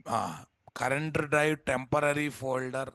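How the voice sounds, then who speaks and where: Gravelly Telugu-accented man teaching. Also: mid-range voice, a little slow, a bit bright, dry recording, clean studio sound. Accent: Telugu Indian. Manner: blunt, scolding, repeats himself with rhetorical tag questions. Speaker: software instructor. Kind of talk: live online class, informal lecturing. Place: indoors at a computer, live screen-share class.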